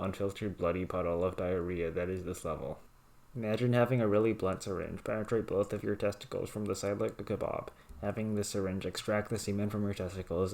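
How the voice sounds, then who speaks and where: Man, low-pitched voice, monotone, deadpan, reading aloud from written rants.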